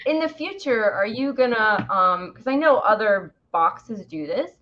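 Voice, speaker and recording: A woman's voice: on the high side, lively intonation, a little slow. A woman co-hosting a casual interview, asking hesitant questions full of fillers and restarts. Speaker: podcast co-host. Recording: dull lo-fi recording.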